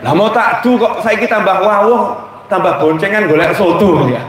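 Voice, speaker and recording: A thwarted, sulking male devil, as a preacher puts him on in a sermon, grumbling his complaint with a half-laugh in the voice. The voice sits high and carries from a distance through a very echoey hall, with a faint hum of background noise. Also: moderate pace, natural voice. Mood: disgruntled.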